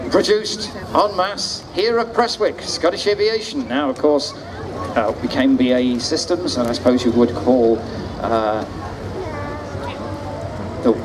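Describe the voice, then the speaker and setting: A man giving live, explanatory airshow commentary in short phrases with drawn-out pauses. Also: mid-range voice. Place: outdoor seafront airshow, heard over loudspeakers. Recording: outdoor public address, loud crowd and engine noise. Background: crowd and aircraft noise.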